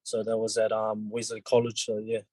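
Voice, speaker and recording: A New Zealand rugby league player in his twenties answers interview questions casually, halting often with pauses and restarts. His voice is fairly low and warm but monotone, captured in a dry recording.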